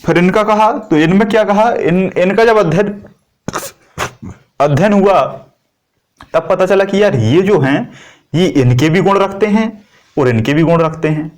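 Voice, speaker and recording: A middle-aged man lectures to a class in a somewhat high voice. He keeps asking his students quick questions and explains with homely examples. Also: darkish tone. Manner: explains with everyday analogies, asks the class rhetorical questions. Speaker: teacher.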